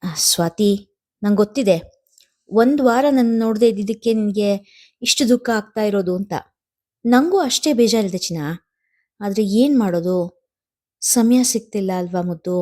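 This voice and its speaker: Young male lover in a storybook, coaxing and affectionate, mellow tone, done by a woman narrator. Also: mid-range voice, normal speed, long pauses, lightly acted. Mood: tender. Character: young man, tender lover under family burden.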